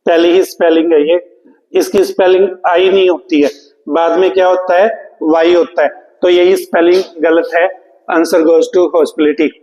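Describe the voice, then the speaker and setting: A male English teacher coaching for an exam, who asks the class questions and answers them himself, repeating key words and reading English slowly. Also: sits high, steady tone, a little mellow, big-room sound, poor audio. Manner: reads English question text slowly and deliberately; calls students "beta" affectionately. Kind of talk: classroom lesson.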